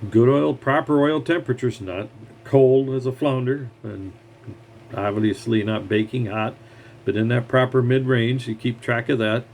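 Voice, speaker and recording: A man's voice: medium pitch, steady tone, moderate pace, darkish tone, a little hiss or hum. A mechanic, a man, giving blunt, heated advice in a scornful rant straight to the camera. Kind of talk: ranting advice monologue.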